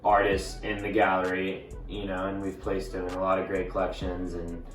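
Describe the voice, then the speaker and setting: Brief: thirties male collector from Italy, unhurried and halting, faint music under a roomy recording. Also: low voice, monotone. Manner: unhurried, halting, often says "you know". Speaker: art collector and gallery owner. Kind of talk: casual interview monologue. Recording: roomy sound from a distant mic with faint music.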